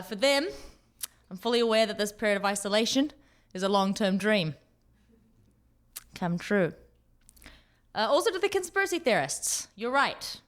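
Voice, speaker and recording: A woman doing a stand-up set with dry, ironic delivery and asides, to an empty room. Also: on the high side. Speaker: stand-up comedian. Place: comedy room with no audience.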